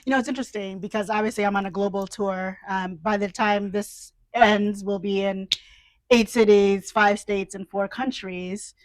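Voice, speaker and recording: Female host, mid pitch, encouraging and affirming, dry close sound. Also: steady tone, moderate pace, no echo, poor audio. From New York City. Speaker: interview host. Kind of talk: conversational interview.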